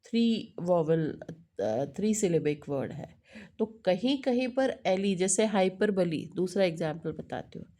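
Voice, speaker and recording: A woman's voice: on the low side, animated, measured pace, mellow. A middle-aged woman teaching an English lesson in Hindi mixed with English, often checking in with the listener and correcting herself.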